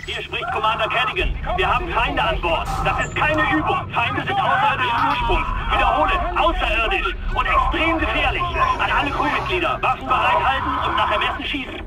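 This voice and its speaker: A man's voice: extremely high pitch, lively intonation, fairly quick, pauses often. An actor playing a ship commander who warns his crew in a clipped military style over a ship intercom announcement. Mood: urgent alarm. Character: urgent male commander warning his crew. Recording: noisy, distant game audio.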